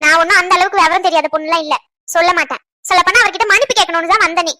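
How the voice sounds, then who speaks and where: A sharp-tongued young cartoon woman, voiced by a woman, quick to scold and full of scorn. Her voice is very high and bright, and the delivery races along. The sound is dry and close. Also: steady tone, dry recording. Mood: scornful. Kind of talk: cartoon voice acting.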